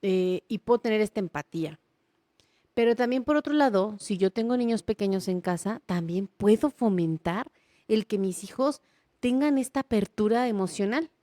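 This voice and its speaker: Woman, psychologist, mellow warm voice, dry close sound, explanatory podcast talk. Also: medium pitch, moderate pace, no room sound. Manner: explanatory, guiding, checks in with listener. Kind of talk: conversational podcast chat.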